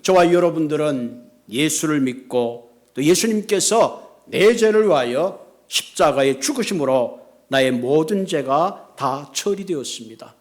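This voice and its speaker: An earnest male pastor preaching a sermon, his voice sitting fairly high for a man. He leans into key words with emphasis and builds toward his points. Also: animated, a little slow, few pauses.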